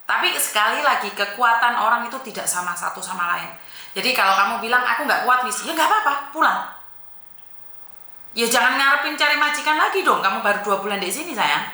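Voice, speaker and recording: Woman, scolding advice host, bright tone, echoey room. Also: fairly high pitch, lively intonation, fairly quick. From Indonesia. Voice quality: scolding, firm, mixes in Javanese words. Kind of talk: blunt call-in advice.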